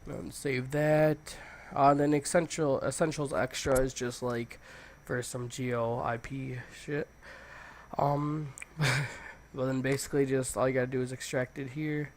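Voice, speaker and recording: Male tutorial host, mid-pitched, congested with a cold, loose and informal delivery. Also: flat delivery, a little slow. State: congested, stuffy nose from a cold. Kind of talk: casual software tutorial, screen walkthrough.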